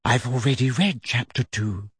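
A man voicing a clever, eager teenage schoolgirl in a storybook reading, speaking in a clear, carrying voice. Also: medium pitch, moderate pace, dry recording, clean studio sound. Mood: confident.

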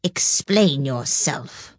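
A woman voicing a languid, stern and contemptuous caterpillar in a slow, sleepy drawl. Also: very deep voice, expressive, no echo, clean studio sound, full character voice. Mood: curt, stern.

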